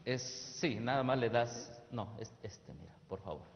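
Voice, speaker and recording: A man's voice: medium pitch, measured pace. A man giving a sermon-style presentation on youth ministry, emphatic and asking the audience questions that they answer. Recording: reverberant hall, dull lo-fi sound.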